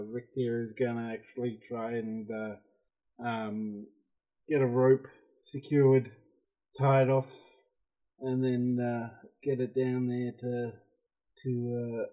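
A man playing a tabletop role-play game, describing his character's actions with many pauses and fillers. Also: mid-range voice, lo-fi sound. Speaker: player.

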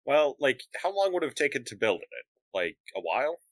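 A man's voice: mid-range voice, sing-song, a little fast, no room sound. A man chatting as a player in a tabletop game, rambling and full of "like". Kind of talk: casual tabletop game chat.

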